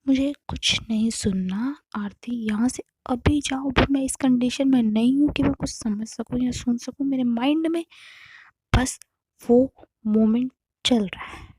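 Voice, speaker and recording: A woman's voice: a little high, unhurried, darkish tone, slightly rough. A woman storyteller voicing a hurt, betrayed young woman who talks in a broken half-whisper. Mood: furious.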